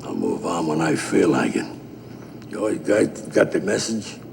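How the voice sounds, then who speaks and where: An actor playing a gruff, bossy older male crime boss with a gravelly voice, blunt and profane in crime film dialogue. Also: sits low, lively intonation, moderate pace, heavily acted. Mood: irritated, commanding. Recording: noisy, long reverberant room sound.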